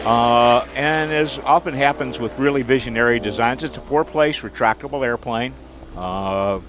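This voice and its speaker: A man's voice: mid-range voice, moderate pace, noisy background. A man co-hosting a podcast outdoors at an airfield, talking knowledgeably about aircraft with dry asides. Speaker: podcast co-host. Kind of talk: casual outdoor podcast chat.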